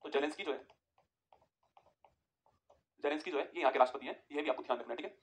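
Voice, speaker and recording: Fast-talking male online teacher. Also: a little high. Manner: repetitive, keeps asking "ठीक है?"; addresses students as friends, gives dictation. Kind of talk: live online class lecture.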